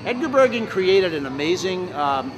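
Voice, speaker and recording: A man's voice: high voice, sing-song, normal speed, poor audio. An American man in his sixties, chatting in an upbeat, casual interview as a ventriloquist. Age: 60s. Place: large open-sided fairground shed.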